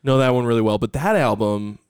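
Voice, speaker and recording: Podcast co-host, male, smooth and a bit low, dry mic, easygoing ramble. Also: fairly quick, no echo. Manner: relaxed, rambling, trails off. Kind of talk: casual chat.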